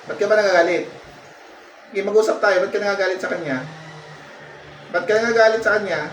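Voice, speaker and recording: A man's voice: sits high, brisk, fairly bright tone. Commanding healer man, roomy and distant. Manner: commanding, repetitive interrogation, murmured incantations. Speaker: folk healer. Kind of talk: healing ritual with chanted prayers and questioning. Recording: roomy sound from far off, faint noise.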